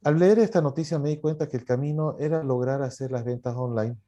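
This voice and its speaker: A man's voice: mid-range voice, a little fast, mellow, dull audio. A man from Bolivia, a publisher and writer answering in an interview, telling his story with many fillers and self-corrections.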